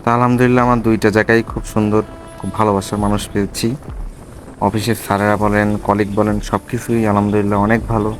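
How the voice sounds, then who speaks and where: A man's voice: on the low side, little pitch movement, fast talker, soft background music. A man with a Bangladeshi accent chats casually and reflectively to viewers as he rides, speaking from inside a motorbike helmet. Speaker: motovlogger. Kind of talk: casual riding vlog chat.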